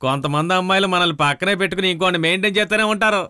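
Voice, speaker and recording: An actor playing a loud, brash friend who mocks and jokes and wants to drink. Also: male voice, high-pitched, very fast, clean tone, dry recording, studio quality. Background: film score music.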